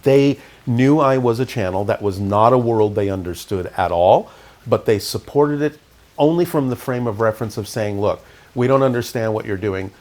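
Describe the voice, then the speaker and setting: The speaker is a middle-aged man guesting on an interview, quietly reflecting on his experiences with a calm, measured manner. He's Canadian by origin and was brought up in California.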